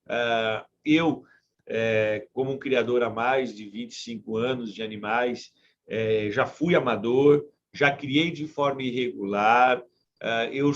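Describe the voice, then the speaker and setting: A man in his forties, an animal breeder, teaching a live online class in an informal way, with many fillers and repetitions. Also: mid-range voice. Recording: slightly dull sound with faint noise.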